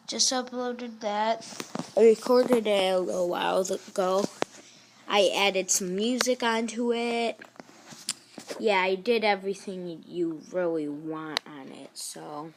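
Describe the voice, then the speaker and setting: A woman chatting casually and informally to viewers in a rambling amateur vlog, on a homemade recording. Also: mid-range voice. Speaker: amateur vlogger. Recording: noisy home recording with clicks.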